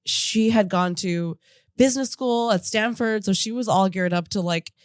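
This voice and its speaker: Speaking at a normal speed in a mid-range voice, this woman in her thirties, raised in Japan, is a comedian guest on an in-studio podcast. Her storytelling rambles, doubles back on itself and is full of laughter in a relaxed conversation. Audio is studio quality and echo-free.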